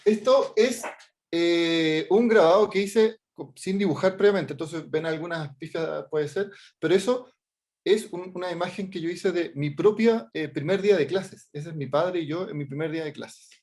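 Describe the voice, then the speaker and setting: A middle-aged man speaking Chilean Spanish, slightly high and a little mellow in voice, presents his own work over a video call. As an artist and teacher giving a workshop talk, he is informal and halting, full of fillers and false starts, and keeps asking "¿ya?".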